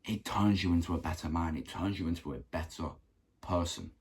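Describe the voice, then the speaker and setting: A young man giving an earnest motivational talk to camera, repeating phrases for emphasis and clearing a rough throat. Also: deep voice, brisk, darkish tone, a little hiss or hum. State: keeps clearing his throat. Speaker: self-improvement vlogger.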